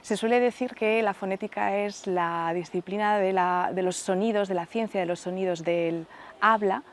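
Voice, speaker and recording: A woman's voice: mid-range voice, moderate pace, a little hiss or hum. Woman professor explaining phonetics. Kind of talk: explanatory radio interview. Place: radio studio.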